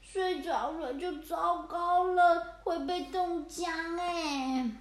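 A mischievous gang of greedy stray cats squeals and meows through a storybook, voiced by a woman reader. The voice sits high, and the room echoes. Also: takes it slowly. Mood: playful. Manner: silly, meowing, playful.

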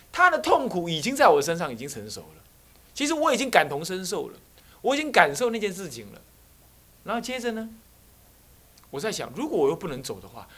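A man's voice: high-pitched, fairly bright tone. A man with a Taiwanese Mandarin accent, a Buddhist abbot giving a sermon lecture to a class, telling stories and asking rhetorical questions. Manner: storytelling, asks many rhetorical questions. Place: teaching room with students.

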